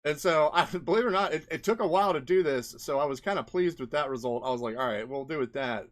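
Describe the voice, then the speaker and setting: Speaking fast in a voice on the high side, this man is an indie game developer presenting his experiments. It's loose screen-share commentary, rambling and thought out loud.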